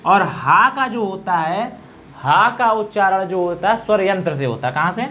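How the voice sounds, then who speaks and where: A male teacher giving an exam-prep grammar lesson, quizzing students, repeating answers and slowly demonstrating sounds. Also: high voice, expressive, sharp tone, slight background noise. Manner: quizzing, repeats answers, asks "okay?" often. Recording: dull lo-fi recording.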